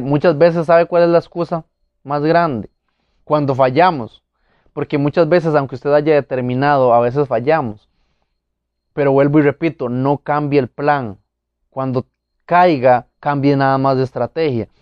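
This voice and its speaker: A man's voice: on the high side, a little slow, smooth, no room sound, lo-fi sound. A man preaching a motivational sermon, talking earnestly and with emphasis, speaking straight to his listeners.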